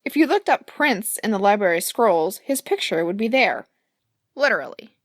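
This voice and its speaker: Give me a woman reading her fairy-tale audiobook with a lively, playful voice on a dry close mic. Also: fairly high pitch, no echo. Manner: playful, asides to the listener. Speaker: author and audiobook narrator. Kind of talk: audiobook narration.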